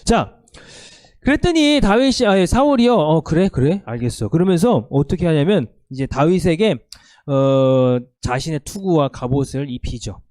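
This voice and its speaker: Male youth pastor, high-pitched, conversational sermon, dry room. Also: normal speed, dry recording. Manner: animated, conversational, asks the listeners questions.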